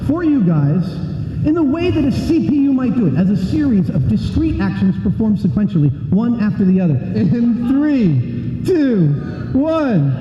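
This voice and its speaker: A man's voice: very high-pitched, sing-song, unhurried. Chipmunk-voiced man announcing a science demo. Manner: showman announcing to a crowd. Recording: muffled video clip echoing in a hall, noisy.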